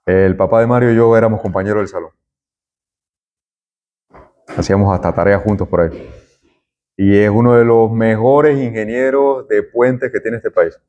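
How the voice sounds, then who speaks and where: A man's voice: lowish voice, fairly even intonation, normal speed, long pauses, a little mellow, muffled recording. A middle-aged man, a university lecturer taking roll and chatting with students in a classroom. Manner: friendly, chatty, jokes with students.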